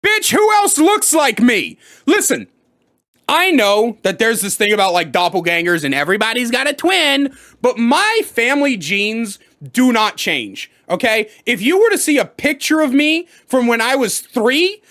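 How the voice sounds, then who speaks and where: Man, 30s, comedic storyteller, lively pitch, crude, loud bursts. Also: measured pace. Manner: animated, swings to loud outbursts. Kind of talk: profane comedic storytime rant.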